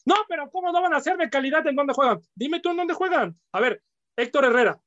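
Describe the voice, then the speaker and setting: A man's voice: extremely high pitch, lively intonation, a little fast, a bit bright, dry recording, highs cut off. A man with a Mexican accent in a heated football debate, blunt and provocative, repeating his points. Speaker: football pundit.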